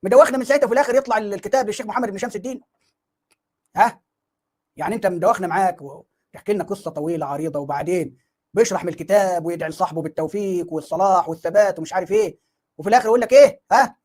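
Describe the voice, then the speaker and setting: A man's voice: sits high, rapid-fire, darkish tone. A man with an Egyptian Arabic accent giving mocking online commentary, full of sarcasm and rhetorical questions.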